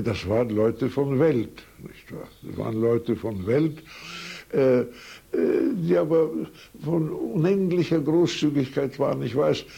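An older Swiss man, a native French speaker, recounts his life story in a taped interview, rambling through anecdotes with frequent hesitations and self-corrections. His voice is medium-pitched, mellow and slightly rough, with vocal fry and a lo-fi sound.

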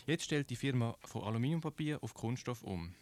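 A man with a Swiss German accent reads a scripted radio commentary at a middle pitch. He explains in a measured way and often poses rhetorical questions to his listeners. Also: animated, darkish tone, a little hiss or hum. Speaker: radio presenter.

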